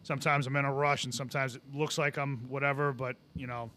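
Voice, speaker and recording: A man telling stories in a casual podcast chat, animated and swearing often, acting out what other people said. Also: mid-range voice, quick pace. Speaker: podcast co-host.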